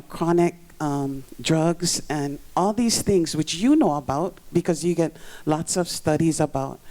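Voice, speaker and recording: Middle-aged local speaker, Hawaii accent, public comment at a community meeting; warm low tone, earnest, stresses key words by repeating them. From Waianae coast of Oahu, Hawaii. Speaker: community member giving public testimony. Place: community learning center meeting room.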